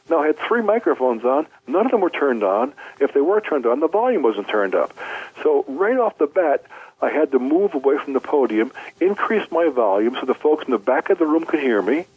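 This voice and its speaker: A man's voice: a little high, a little mellow, breathy edge, dry recording, low-quality recording. A man, a public speaking coach, explaining his points in an earnest, instructive interview answer.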